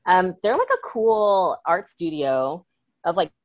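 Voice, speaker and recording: A woman co-hosts a casual podcast chat, talking bluntly and offhandedly with easy swearing. Her voice sits on the lower side, and the sound is dry and close with no echo. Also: expressive, takes it slowly. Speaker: podcast co-host.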